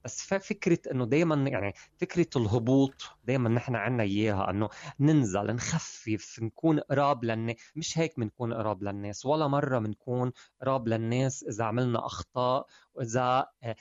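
Casting: a male journalist with a Lebanese accent. He speaks quickly and emphatically, with a didactic tone, over dry, muffled audio. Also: medium pitch, a little mellow, no echo. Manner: emphatic, didactic, with frequent fillers. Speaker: journalist and writer. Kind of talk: conversational explanation of language usage.

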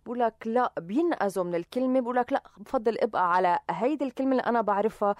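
Casting: a female interviewer with a Lebanese accent. Her voice is fairly high and her speech fast and curious, in a dry room. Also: dry recording. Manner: conversational, inquisitive. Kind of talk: casual interview questions.

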